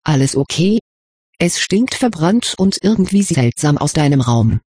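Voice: medium pitch, sing-song, a little slow, a little mellow, slightly rough, dry recording, studio quality. Reader doing cheeky teasing schoolboy. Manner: cheerful, teasing. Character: cheeky teenage boy, teasing. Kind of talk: audiobook reading.

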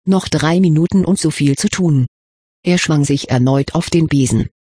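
An audiobook reader telling a fantasy story in a steady storytelling manner. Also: mid-range voice, moderate pace, slightly rough, dry recording, clean studio sound. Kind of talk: reading fan fiction aloud.

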